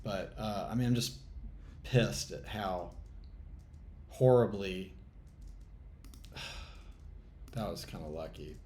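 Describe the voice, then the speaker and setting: A man's voice: deep voice, slow pace, long pauses, mellow. Man muttering frustrated trading commentary. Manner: muttering exasperated self-talk, swearing, sighs. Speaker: trading channel host. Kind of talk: live commentary while playing a trading game.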